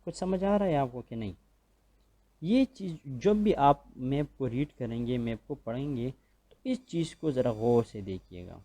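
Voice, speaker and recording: Patient Pakistani male teacher, mellow voice. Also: mid-range voice, lively intonation. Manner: patient, repeats points and checks understanding. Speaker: school teacher. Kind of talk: recorded classroom lecture.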